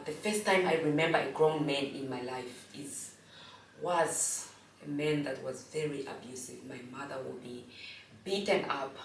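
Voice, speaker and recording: Low-voiced woman in her forties. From Namibia. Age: 40s. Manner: halting, reflective, restarts often. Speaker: host. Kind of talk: personal storytelling monologue. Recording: echoey room, distant from mic.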